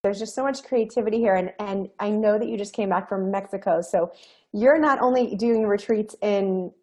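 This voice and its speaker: A woman's voice: medium pitch, normal speed, darkish tone. A woman hosting a podcast interview, effusive and affirming as she asks questions. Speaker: podcast host. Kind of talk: casual interview talk.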